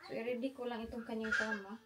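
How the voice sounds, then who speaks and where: A woman's voice: fairly high pitch, little pitch movement, fast, very noisy. A young woman, a mother filming a casual family vlog and cooing and baby-talking to her infant. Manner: coos and baby-talks to an infant.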